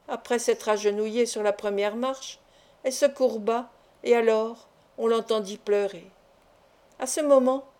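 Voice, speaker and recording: A woman narrating a classic adventure novel as an audiobook, in a measured, clear storytelling delivery. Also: fairly high pitch, dark tone. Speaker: audiobook reader.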